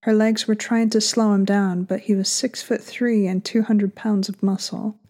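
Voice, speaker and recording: A woman author reading her erotic story aloud slowly and sultrily, sometimes dropping into a breathy whisper. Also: medium pitch, level tone, warm tone. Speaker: author and co-host.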